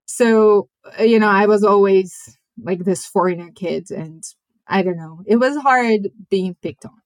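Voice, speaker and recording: A woman of around forty, a podcast guest telling her life story in a reflective, measured way while sometimes searching for English words. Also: mid-range voice, dry recording. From Japan. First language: Japanese. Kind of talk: personal storytelling in conversation.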